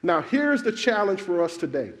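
Animated male preacher with a high, lively voice. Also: moderate pace. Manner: animated, calls out questions to the congregation. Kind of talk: sermon.

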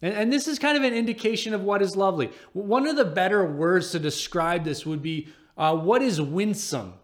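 A man's voice: sits high, animated, fairly quick. A man in his thirties preaching a conversational sermon as pastor, with frequent small restarts.

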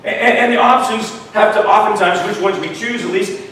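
A man preaches conversationally in a weak, thin, rather high voice. He often doubles back on his words and tags points with a questioning "right?". The recording is very echoey, picked up from well away from the mic. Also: normal speed, a bit bright. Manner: repeats words and seeks agreement with "right?". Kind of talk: conversational sermon. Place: large echoey room, worship gathering. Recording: echoey room, distant mic, faint noise.

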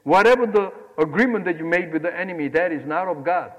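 A man from Korea preaching a sermon, animated, swinging between loud exclamations and quiet asides. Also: sits high, fast talker, long reverb tail, muffled recording. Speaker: pastor.

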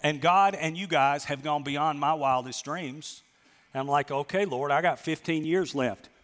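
A man's voice: on the high side, unhurried, a bit bright, in a large hall. A man in his fifties, a pastor giving a conversational sermon to his congregation in a folksy, self-deprecating way. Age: 50s. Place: church sanctuary.

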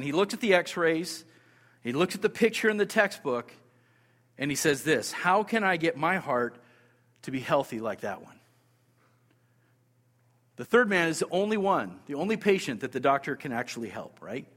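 A man's voice: fairly high pitch, a bit bright, big-room sound. A man preaching a sermon, emphatic, repeating key phrases and asking his listeners rhetorical questions. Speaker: pastor.

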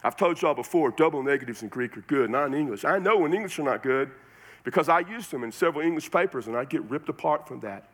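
A pastor from Texas with a Texan accent, preaching a sermon in a folksy, conversational way with plenty of colloquial phrasing. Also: male voice, fairly high pitch, expressive, quick pace, husky.

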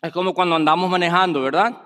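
A man's voice: high-pitched, steady tone, fairly bright tone. Man preaching in a reverberant hall. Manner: explains with everyday examples, measured emphatic delivery. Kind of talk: sermon. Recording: long reverb of a large hall.

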